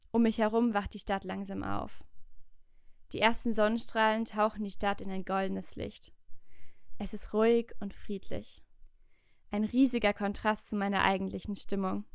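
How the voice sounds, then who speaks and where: A woman's voice: mid-range voice, gravelly, smooth, no echo, clean studio sound. A woman narrating a dramatic story in the first person, earnest and emotional.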